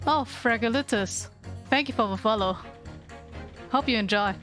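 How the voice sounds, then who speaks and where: A woman with a fairly high voice gives casual, self-deprecating commentary as a game streamer. Clear game music plays behind her. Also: normal speed, a bit bright. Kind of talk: casual live game commentary, reading dialogue aloud. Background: video game music.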